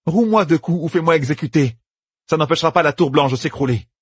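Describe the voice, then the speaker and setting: A man's voice: on the high side, fast, breathy edge, no echo, pitched above the performer's own voice. A man voicing a defiant young prisoner woman. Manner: indignant, sharp questions.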